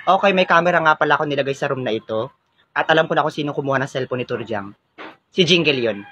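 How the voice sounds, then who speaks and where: A man voicing a calm, creepy schoolboy who is a mafia boss's son, speaking flatly and low. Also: quick pace, lo-fi sound, slight background noise. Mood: deadpan. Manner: flat, low, matter-of-fact. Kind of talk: comedy skit voice acting.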